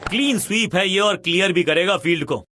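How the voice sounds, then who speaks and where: A man delivers excited cricket commentary in a high, forceful voice. His phrasing is dramatic and flowery, full of exclamations, with a bright edge that cuts through. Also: fairly quick, no room sound.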